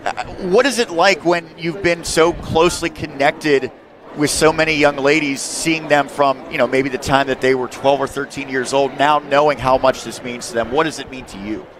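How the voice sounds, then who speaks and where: A man's voice: mid-range voice, steady tone, moderate pace, crowd noise. A man in his thirties hosting a postgame show, asking long polished setup questions on a headset mic courtside in an empty gym. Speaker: sports network host. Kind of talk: postgame sports interview.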